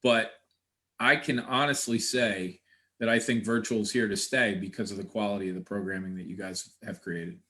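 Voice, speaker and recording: A man's voice: lowish voice, fairly even intonation, normal speed, fairly bright tone. A man hosting a casual online chat, talking in a rambling, hesitant way with many restarts. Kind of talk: casual video-call chat.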